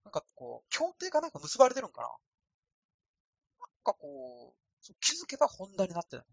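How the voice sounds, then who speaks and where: Solo podcaster from Osaka, male, thin husky voice, lively pitch, dry close recording. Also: a little fast, highs cut off. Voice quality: thin, light voice. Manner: rambling, self-deprecating and casual. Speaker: podcast host. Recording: dry, no added echo.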